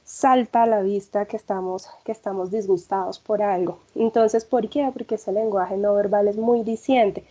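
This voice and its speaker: Mujer colombiana, voz apagada y cálida. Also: female voice, medium pitch, steady tone, moderate pace, hardly any pauses, mellow, highs cut off. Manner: conversational, frequent fillers and checking questions. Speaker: workshop facilitator. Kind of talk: online workshop talk.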